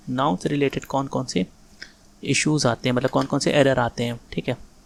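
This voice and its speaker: A man with a slightly high, creaky voice lectures casually on grammar for exam preparation. He corrects sentences and repeats the fixes, pausing often to make sure the class is keeping up.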